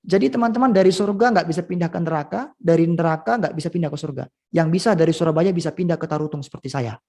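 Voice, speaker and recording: A male pastor preaching a sermon at a school, telling stories with lively swings in pitch and volume. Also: quick pace, gravelly. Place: school event.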